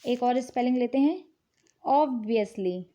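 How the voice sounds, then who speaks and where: High-voiced woman teaching phonics. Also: lively intonation, takes it slowly, dark tone. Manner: patient, repeats "ठीक है" often, mixes English words in. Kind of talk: explaining English phonics rules. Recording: dull, lo-fi recording.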